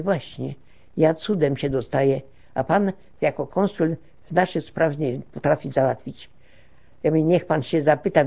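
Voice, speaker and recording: Older woman with a dark, mellow voice. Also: low voice. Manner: lively storyteller who acts out quoted dialogue; halting, with frequent self-corrections. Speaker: interviewee recounting deportation. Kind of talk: oral history testimony.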